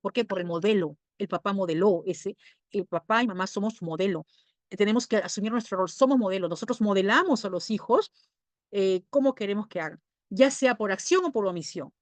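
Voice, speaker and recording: A woman's voice: mid-range voice, animated, brisk, no room sound. A woman with a Peruvian accent, a child psychologist giving an informal talk to parents. She speaks conversationally, often tags "¿no?" and briefly acts out parents and children. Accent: Peruvian Spanish.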